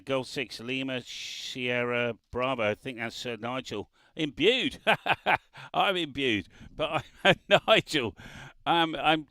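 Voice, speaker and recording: A ham radio operator in a car parked by the road chats casually over a remote radio, laughing often and spelling out call signs. His medium-pitched voice is clear, resonant and fairly bright, with no room sound.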